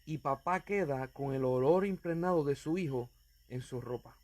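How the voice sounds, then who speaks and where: A man's voice: mid-range voice, normal speed, a little mellow. A man preaching as an evangelist, speaking earnestly and directly to the listener, with fervent emphasis. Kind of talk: sermon.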